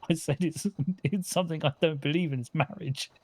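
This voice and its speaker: A man chatting over voice chat in a blunt, deadpan way. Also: fairly high pitch, moderate pace. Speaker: role-play player. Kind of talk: casual voice chat.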